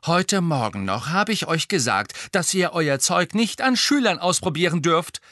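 A man's voice: fairly high pitch, very animated, normal speed, pushed and bright, no echo, clean studio sound, pitched above the performer's own voice. A man voicing a bossy, indignant teenage schoolgirl witch who talks sternly and scolds.

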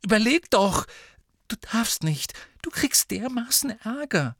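A man's voice: high voice, normal speed, a bit bright, no room sound, pitched above the performer's own voice. A man voicing an anxious teenage girl pleading in an urgent whisper, in a storybook reading.

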